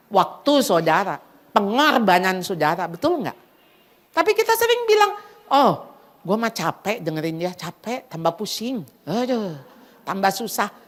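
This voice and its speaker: Animated middle-aged woman preaching to a packed church. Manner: animated, dramatizes inner voices and prayers with big pitch swings; addresses listeners as "saudara", mixes in English phrases. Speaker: women's ministry speaker. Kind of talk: sermon. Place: packed church hall at a Christmas event.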